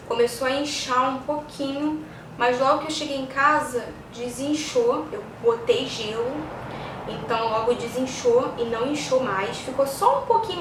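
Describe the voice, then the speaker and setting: A woman with a Brazilian accent chatting casually as a vlogger, explaining things conversationally and often checking in with her listeners. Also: fairly high pitch. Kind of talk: casual chat to camera. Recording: echoey, distant mic, clear background noise.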